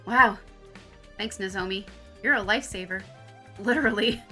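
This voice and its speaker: An earnest, caring teenage boy, the hero of a visual novel, read by a woman. The voice is bright and forward, with faint game music underneath. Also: mid-range voice, normal speed, natural voice. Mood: grateful. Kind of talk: reading visual novel dialogue aloud.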